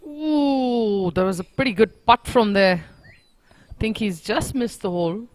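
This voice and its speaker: A female golf commentator with a medium-pitched voice. She chats casually about the play as second commentator, adding admiring and supportive remarks. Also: measured pace.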